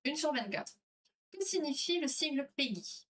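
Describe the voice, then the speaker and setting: A woman's voice: high-pitched, sing-song, moderate pace, fairly bright tone. A French woman hosting a live stream, chatting casually with viewers and reading out quiz questions in a rambling, easygoing way. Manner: chatty, rambling, reads viewer comments aloud. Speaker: livestream host. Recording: distant mic with music behind.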